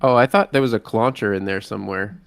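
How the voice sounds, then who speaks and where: A man's voice: fairly low pitch, fast, creaky, clean tone, no room sound. A man co-hosting a casual podcast chat, joking and teasing the others in a sleepy way. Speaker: podcast co-host.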